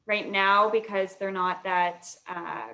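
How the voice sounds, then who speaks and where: A woman's voice: medium pitch, fairly even intonation, slow, pushed and bright. A woman answering questions as an alumna guest in a webinar, explaining at length with frequent fillers over a video call.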